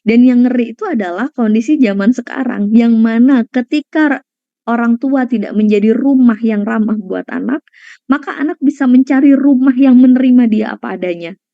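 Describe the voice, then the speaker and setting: A woman's voice: on the high side, normal speed, no room sound. Conversational woman giving an online talk. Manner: conversational, addresses listeners as friends, slips in English words. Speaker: parenting counselor and speaker. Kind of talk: online parenting lecture. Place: indoors at home during a power cut. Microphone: video call. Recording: dull, lo-fi video-call audio.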